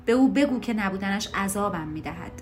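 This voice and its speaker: A woman reading the hushed, sorrowful pleas of a grieving older father in an audiobook, with faint music behind. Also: medium pitch, animated, natural voice. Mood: pleading.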